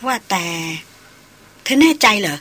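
A woman's voice: unhurried, a bit bright, slight background noise, close to an everyday voice. A woman reading the part of a troubled young foreign woman in an audiobook, strained and pleading. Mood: anxious.

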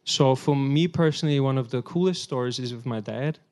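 A man giving a sermon in short phrases, pausing so an interpreter can translate, telling stories with a laugh. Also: mid-range voice, darkish tone. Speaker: guest preacher. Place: church hall.

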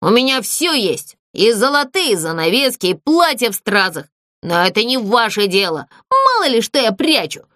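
A woman's voice: on the high side, big pitch swings, moderate pace, bright, forceful tone, no echo, clean studio sound. A woman voicing a touchy, secretive male theatre ghost who talks in a prim, sulky way. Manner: prim, sulky, self-justifying.

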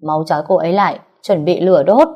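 In an audiobook reading, a woman voices a self-assured old male exorcist who brushes off worry in an offhand, confident way. Her voice is on the low side and she speaks at a quick pace, with the highs cut off in the audio.

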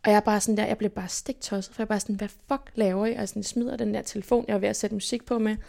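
A young woman from Denmark, telling stories from her life as an interview guest in a lively way and acting out what people said. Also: mid-range voice, vocal fry. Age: young adult. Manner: lively, animated retelling with quoted inner speech. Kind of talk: casual personal storytelling.

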